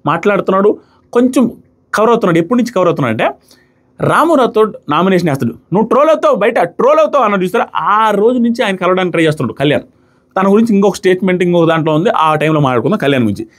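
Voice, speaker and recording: A man giving a casual, animated review of a reality show, mixing English words into his talk. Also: high voice, racing. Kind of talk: casual commentary.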